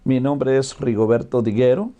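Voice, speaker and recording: An older man with a Guatemalan accent delivers a religious lecture, deliberate and expository like a missionary teacher. His voice is medium-pitched, steady and mellow, captured with lo-fi sound.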